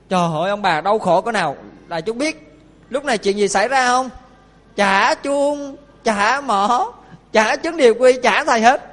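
A man's voice: high voice, a bit bright. A man, a monk telling a story in a sermon and often questioning his audience. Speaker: Buddhist monk preacher. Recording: long hall reverb.

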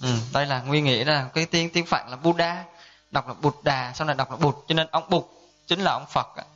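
Monk teaching a class. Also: male voice, a little high, fast talker, sharp tone. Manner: conversational, asks listeners to confirm often. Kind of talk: dharma class lecture. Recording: dull lo-fi sound.

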